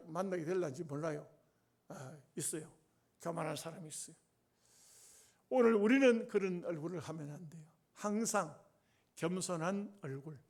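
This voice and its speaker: A male pastor, preaching a sermon with emphatic, drawn-out phrases and folksy humorous asides. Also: high voice, a little mellow.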